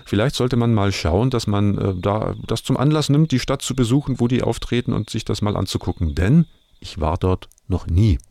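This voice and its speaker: A middle-aged male music host chats casually in a fairly low, creaky voice. He digresses freely and pokes fun at himself in colloquial speech. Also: lively intonation, normal speed, mellow, dry recording. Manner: self-ironic, digressive, colloquial. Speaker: radio music show host. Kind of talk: casual rambling music presenting.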